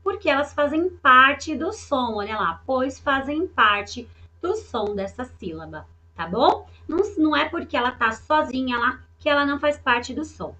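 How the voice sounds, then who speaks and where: A woman's voice: high-pitched, bright, forceful tone, low-quality recording. A woman teaching a recorded online lesson to young children, patient and repetitive, often checking that they follow. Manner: patient, repeats words and checks understanding. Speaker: primary school teacher.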